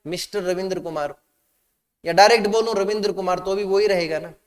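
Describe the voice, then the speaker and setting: A man's voice: sits high, a little fast, clear, resonant tone, long reverb tail. A man teaching a class, asking students questions and mixing Hindi with English terms. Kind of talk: classroom lecture.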